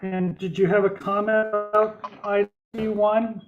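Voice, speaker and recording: A man's voice: sits high, little pitch movement, unhurried, dull audio, music in the background. A man chairing a meeting over a conference call that breaks up, plain-spoken with dry asides. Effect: conference call audio, breaking up. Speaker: board chair.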